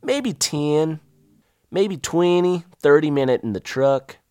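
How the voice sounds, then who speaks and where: A woman's voice: low-pitched, expressive, slow, dark tone, no echo, studio quality, voice pushed up. A man voicing a terse, wary rural woman who gives offhand, drawling directions. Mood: vague.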